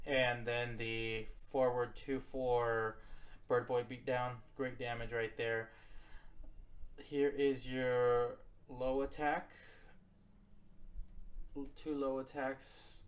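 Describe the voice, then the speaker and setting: A man giving casual gameplay commentary, explaining fighting game moves and then swearing loudly when a match goes badly. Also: mid-range voice, little pitch movement, takes it slowly. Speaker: gaming YouTuber.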